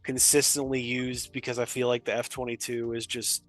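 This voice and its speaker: A man's voice: mid-range voice, flat delivery, moderate pace, fairly bright tone. A man co-hosting a gaming podcast, talking in an enthusiastic, rambling casual chat. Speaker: podcast co-host.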